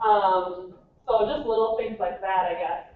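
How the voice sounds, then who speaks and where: A young woman from Minnesota with a Minnesotan American accent, chatting and telling stories as a native English conversation partner, her voice animated and full of quoted asides. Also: mid-range voice, measured pace. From Minnesota, United States. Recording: distant, tinny, echoey hall with faint noise.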